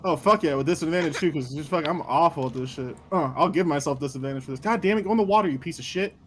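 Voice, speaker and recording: Guy w a higher voice, tabletop player, jokey and swears a ton. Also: fast talker, a little hiss or hum. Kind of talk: casual tabletop play.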